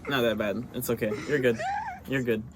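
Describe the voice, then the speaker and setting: A man hosting a reaction video, giving excitable, slangy commentary and laughing easily. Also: medium pitch, moderate pace, noisy background.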